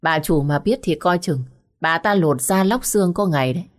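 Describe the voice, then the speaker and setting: A woman's voice: lowish voice, normal speed, lightly acted. A woman voicing spiteful young waitresses who gossip in a snide, catty way.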